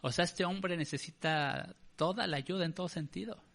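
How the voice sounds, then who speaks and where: A man's voice: sits high, moderate pace, vocal fry, a bit bright. A male pastor with a Mexican accent tells a story in a sermon, in a conversational way, and often calls his listeners "brother".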